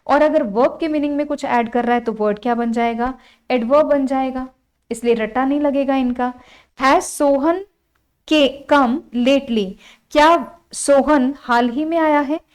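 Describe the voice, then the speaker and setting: Indian English teacher, woman, fairly high voice, classroom lecture style, poses questions and answers them herself. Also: normal speed, clean tone. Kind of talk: classroom grammar lesson. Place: classroom with a board.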